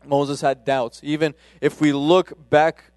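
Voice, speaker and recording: Guy preaching like he's just chatting, keeps restarting lines, smooth clear voice, dry sound. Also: fairly high pitch, flat delivery, slow, a little mellow, no echo. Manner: conversational, often restarts sentences. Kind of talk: casual sermon.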